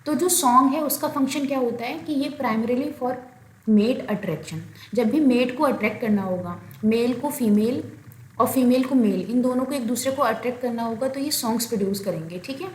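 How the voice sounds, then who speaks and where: A woman's voice: fairly high pitch, normal speed, a little mellow. A woman giving a biology lecture, explaining step by step and checking in often with her students. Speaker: biology teacher. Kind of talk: recorded lecture. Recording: echoey room, faint ambience.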